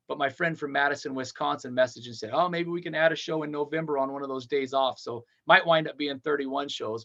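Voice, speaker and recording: An upbeat man in his forties talks as a podcast guest, rambling cheerfully in long runs. His voice has a gravelly edge and sits a touch high. The audio is dull and lo-fi. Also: fairly bright tone. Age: 40s. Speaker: touring metal band frontman, podcast guest. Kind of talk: casual interview chat.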